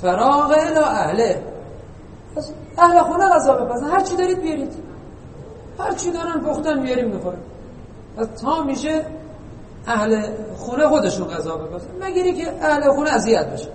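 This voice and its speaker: A very animated preacher gives a conversational, teasing religious lesson packed with rhetorical questions, his voice sitting unusually high. The distant recording is from a long-echoing hall, with a faint hiss beneath.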